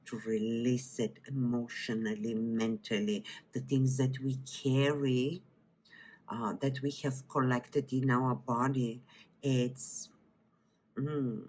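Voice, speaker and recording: A woman from Bulgaria with a Bulgarian accent, a wellness teacher leading a guided breathing meditation and then a cooking demo, speaking softly and often trailing into whispers. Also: rumbling low, husky. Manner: slow, soft-spoken, drifting into whispers.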